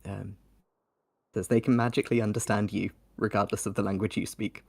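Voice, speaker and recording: A man talks casually as a player at a tabletop game. His voice is on the low side with plenty of gravelly fry, and it is recorded dry and close. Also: little pitch movement, brisk, dry recording.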